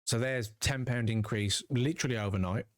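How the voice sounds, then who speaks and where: A man's voice: medium pitch, brisk, dry recording, clean studio sound. A man hosting a card-collecting channel, talking casually and upbeat straight to his viewers. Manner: chatty, upbeat, addresses viewers directly. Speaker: trading card channel host. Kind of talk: casual video commentary to viewers.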